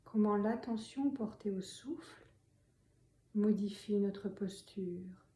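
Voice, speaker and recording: A meditation and yoga teacher guides a meditation in a very mellow, soft, breathy voice at medium pitch, often nearly whispering. She speaks slowly and calmly, with long pauses between gentle instructions, in a room with noticeable echo and faint background noise.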